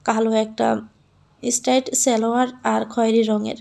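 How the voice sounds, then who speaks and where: A woman reading a first-person story in a measured, plaintive way, her higher voice slightly gravelly. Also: little pitch movement, warm tone. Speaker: story narrator.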